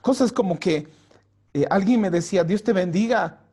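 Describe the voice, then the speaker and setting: Male pastor, personal testimony, high and earnest, raises his voice when he acts out quotes. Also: slightly rough. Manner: drops soft and slow for prayers. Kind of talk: personal testimony to a youth group. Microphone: home mic for an online vigil.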